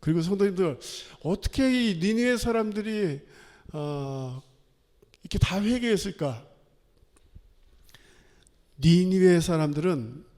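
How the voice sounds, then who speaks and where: A man preaching a sermon as pastor, animated, acting out quoted voices and laughing often. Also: high voice. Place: church sanctuary. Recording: long hall reverb.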